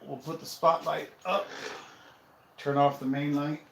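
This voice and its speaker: A man hosting a building-set livestream, chatting casually and thinking aloud in a relaxed, self-deprecating way. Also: fairly high pitch, measured pace, gravelly, echoey room, a little hiss or hum, low-quality recording.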